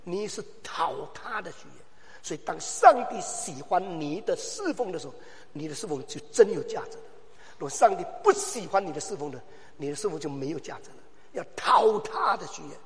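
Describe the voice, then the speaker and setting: A man preaching a sermon as pastor, swinging from low, quiet asides to loud, shouted exhortation with rhetorical questions. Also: animated, a little fast. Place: church hall. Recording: long hall reverb.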